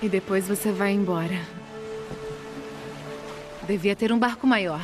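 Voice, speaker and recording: A woman's voice: mid-range voice, measured pace, music in the background, lightly acted. A woman dubbing a wry, teasing boat partner in an action film, with a Brazilian accent. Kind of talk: dubbed action film dialogue.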